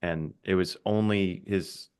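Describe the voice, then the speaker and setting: A man speaking quietly in a casual conversation, his sentences trailing off. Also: deep voice, steady tone, takes it slowly, clear, resonant tone.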